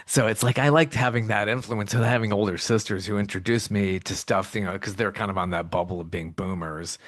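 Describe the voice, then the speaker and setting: A man's voice: fairly low pitch, a little fast, no room sound, clean studio sound. A man in his fifties from Cleveland, Ohio, hosting an arts podcast and chatting eagerly with his guest. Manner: enthusiastic, complimentary. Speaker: podcast host. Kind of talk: casual interview chat.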